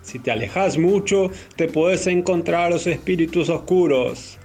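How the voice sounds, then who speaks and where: A man's voice: a little high, moderate pace, a little mellow, faint music behind, voice pushed up. A man reading as a kindly wind spirit. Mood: gentle. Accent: Argentine.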